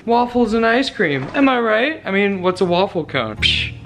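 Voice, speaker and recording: A man in his twenties chatting casually and excitably to the camera in slangy vlog style. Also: sits high, moderate pace. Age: 20s. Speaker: food challenge vlogger. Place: home kitchen and dining room, indoors. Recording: music behind the voice.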